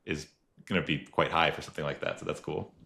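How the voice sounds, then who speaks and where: With a bass voice that is gravelly, bright and forceful, the host talks fast in a steady tone. It's an easygoing conversational interview marked by many fillers and frequent laughs.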